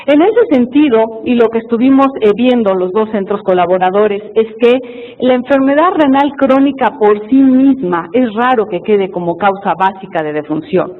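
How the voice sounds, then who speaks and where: A woman's voice: fairly high pitch, expressive, moderate pace. A woman from Chiapas, giving an earnest, explanatory conference presentation. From Mexico, Chiapas. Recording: tinny, with long hall reverb.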